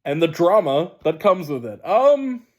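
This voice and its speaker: Wheezy, congested man, higher-pitched. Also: very animated, a little slow. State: sinus congestion. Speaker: film reviewer. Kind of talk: casual spoken movie review.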